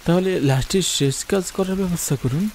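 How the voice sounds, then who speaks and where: With the steady sound of rain behind him, a man uses a high, slightly mellow voice at a moderate pace. His first-person horror tale is scripted and dramatic, told in an earnest, theatrical way.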